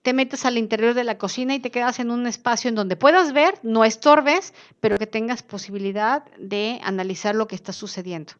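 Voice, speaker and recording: Lively woman teaching. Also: a little high, brisk, hardly any pauses, smooth. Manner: lively, acts out quoted speakers in changed voices. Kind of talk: online class lecture. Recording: dull lo-fi sound.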